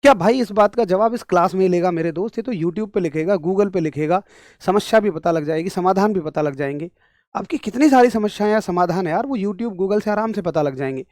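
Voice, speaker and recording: Young male physics tutor, high voice, emphatic and repetitive with students, close dry mic. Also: a little fast, darkish tone, no echo. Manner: emphatic, scolding then explaining step by step; addresses students directly, repeats key points. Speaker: physics teacher. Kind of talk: online class lecture.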